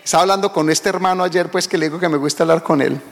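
A man's voice: on the high side, racing, creaky, long reverb tail. A pastor preaching a sermon, emphatic and calling out to his congregation.

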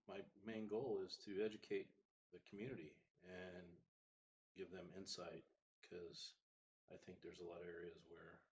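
A man, an emergency doctor, introducing his podcast in a casual, halting way, his voice muffled by a sore throat. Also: low-pitched, a little hiss or hum. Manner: halting, many fillers. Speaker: emergency physician hosting a podcast.

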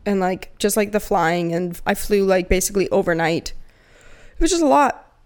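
A young woman co-hosting a podcast, chatting casually and telling animated stories with plenty of swearing. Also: mid-range voice, moderate pace, clean tone. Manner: swears freely, animated storytelling. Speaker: podcast co-host. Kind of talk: casual chat.

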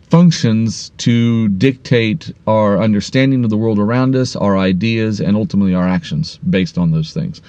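A man's voice: lowish voice, mellow, no room sound, muffled recording. A man teaching an online Bible course, explaining points and often restarting his phrases. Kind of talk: recorded online course lesson.

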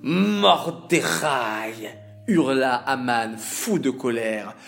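A man narrating a story for children, expressive and addressing the listeners directly. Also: mid-range voice, takes it slowly, soft background music.

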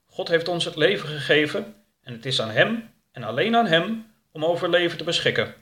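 A man's voice: fairly high pitch, very animated, normal speed, fairly bright tone, pitched above the performer's own voice. A man voicing a stern, lecturing male activist. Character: stern, pious middle-aged male activist.

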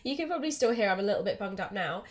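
Woman from the UK, scripted podcast intro, upbeat and motivational, high and bright. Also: lively intonation, very fast. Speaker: podcast host.

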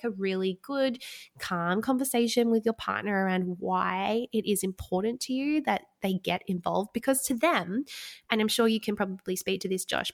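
A woman in her thirties talks through parenting advice on a podcast, relaxed and conversational. Her voice sits in the middle of the range, and she laughs easily between points. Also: medium pitch. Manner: chatty, warm advice-giving with fillers and laughs. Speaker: podcast co-host, sleep consultant. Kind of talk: casual podcast chat.

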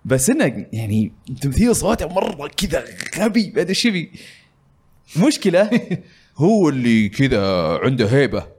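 A man's voice: a little high, very animated, fairly quick, darkish tone, breathy edge. A man hosting a casual gaming podcast, talking in a rambling way with many fillers. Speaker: podcast host.

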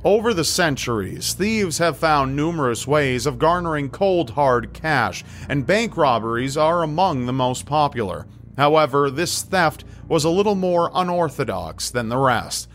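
A man's voice: fairly high pitch, expressive, a little slow, a bit bright, a little hiss or hum. A man reading scripted narration in the style of a true crime list video. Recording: music behind the voice. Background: background music.

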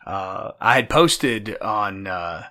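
Man in his forties, hoarse gravelly voice, lowish pitch, forceful tone, rambling casual podcast talk. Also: lively intonation, slow. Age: 40s. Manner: rambling, many fillers and restarts. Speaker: podcast co-host.

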